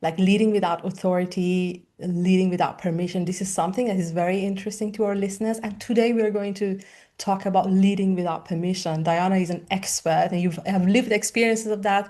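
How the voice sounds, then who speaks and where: A woman's voice: mid-range voice, dark tone. A woman hosting a podcast, welcoming and introducing her guest. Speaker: podcast host. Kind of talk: conversational interview.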